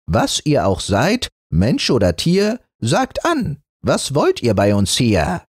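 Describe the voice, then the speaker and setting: A man's voice: mid-range voice, huge pitch swings, takes it slowly, slightly rough, dry recording, clean studio sound, voice pushed up, full character voice. A man voicing a polite, officious monkey guard in a fairy tale audiobook, declaiming formally.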